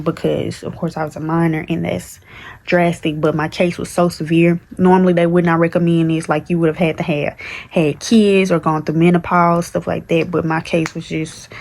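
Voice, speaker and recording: A woman in her early twenties with talks candidly in a rambling vlog chat, full of fillers and restarts. Her voice sits low and stays fairly flat in pitch throughout. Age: 20s. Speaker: vlogger. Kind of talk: casual chat to camera.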